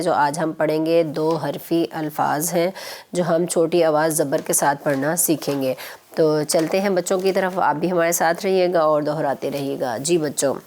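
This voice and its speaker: On a TV program, a woman host with a fairly low, darkish voice teaches children recitation. She speaks patiently, going over her instructions again and again for young viewers.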